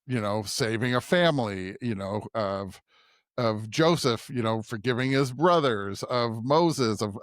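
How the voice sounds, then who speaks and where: A podcast co-host with a mid-range voice discusses scripture conversationally, thinking aloud reflectively and often checking in with a tag question. It's a studio-quality recording with no echo.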